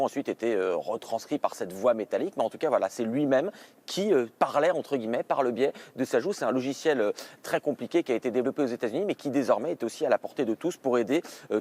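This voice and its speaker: A man's voice: medium pitch, a little mellow. A male correspondent in live news chat, explaining step by step in a conversational way. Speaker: foreign correspondent.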